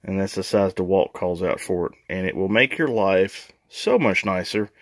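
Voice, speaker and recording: DIY vlogger, man with a lowish voice, chatty and informal, filmed on a handheld phone indoors. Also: normal speed. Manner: chatty, informal, laughs at own jokes. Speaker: channel host, DIY renovator. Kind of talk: casual DIY vlog narration. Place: mobile home and workbench indoors.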